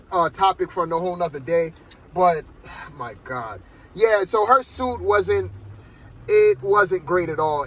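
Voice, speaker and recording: Bright high-voiced man rambling a film review. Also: poor audio. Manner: rambling and loose, peppered with "like" and "man". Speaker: movie reviewer. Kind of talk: casual spoken film review. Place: inside a parked car.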